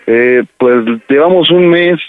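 On a radio prank call, a man plays a nervous son, hesitating and stammering as he begs to be accepted. His voice is on the high side, slow and clean-toned, with phone-quality sound over a broadcast with music behind it.

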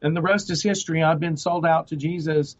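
An earnest middle-aged man recounts his life story in an interview, his voice sitting a little high for a man. He talks in a searching way, full of fillers and restarts. The recording sounds dull and lo-fi. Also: steady tone, a little fast. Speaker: guest ministry director. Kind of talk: personal testimony interview.

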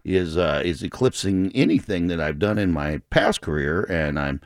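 A man co-hosting a radio show, talking earnestly and in a measured way about his work. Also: low voice, animated, no echo, studio quality. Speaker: radio co-host. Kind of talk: casual radio chat.

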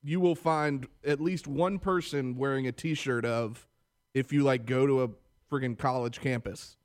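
A man co-hosting a podcast, earnest and quick in casual banter. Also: mid-range voice, steady tone. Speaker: podcast co-host.

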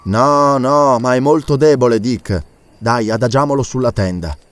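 A man's voice: medium pitch, moderate pace, no room sound, lightly acted. A man reading an audiobook, voicing a bold doctor who leads a balloon expedition and gives orders. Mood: calm. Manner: urgent, commanding shouts.

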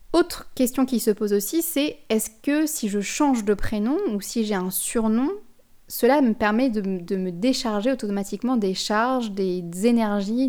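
A woman's voice: a little high, darkish tone. Woman, podcast host, spiritual monologue, reflective, speaks straight to the listener. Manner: reflective, addresses listener directly, frequent restarts.

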